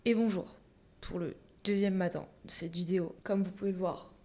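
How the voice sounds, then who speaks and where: Mellow-voiced young woman chatting in a vlog. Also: fairly low pitch, steady tone, normal speed. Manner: informal, enthusiastic, slangy. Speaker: book and food vlogger. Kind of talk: casual chatty vlog to viewers.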